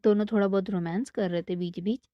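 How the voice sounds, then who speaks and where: A woman's voice: mid-range voice, fairly even intonation, fairly quick, dry recording. Chatty young woman telling a story. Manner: chatty, mixing in English words. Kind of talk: casual storytelling. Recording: dull lo-fi dry sound.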